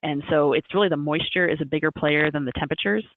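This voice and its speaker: A woman's voice: low voice, fast talker. Woman, meteorologist, on a video call, thinks aloud, phone-like sound, faint hiss. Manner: thinks aloud, repeats words while searching. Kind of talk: answering a question on a webinar.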